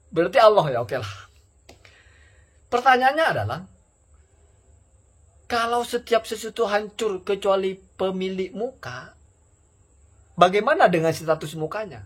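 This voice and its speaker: A man lays out a rebuttal one logical step at a time, posing rhetorical questions and answering them himself. His voice sits fairly high for a man, and his delivery is casual and conversational. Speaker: commentator rebutting a preacher. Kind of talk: casual argumentative commentary.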